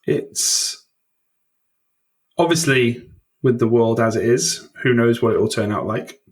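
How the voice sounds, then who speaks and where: A man's voice: medium pitch, unhurried. A man being interviewed on a podcast, thoughtful and self-deprecating, with hesitant restarts. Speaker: podcast guest. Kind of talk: casual interview chat.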